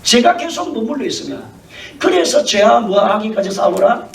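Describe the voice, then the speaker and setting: A man's voice: high-pitched, big pitch swings, moderate pace, distant mic, slight background noise. A male pastor preaching a dramatic sermon in a church sanctuary, often asking questions of the congregation. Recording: echoey church hall, mic from afar.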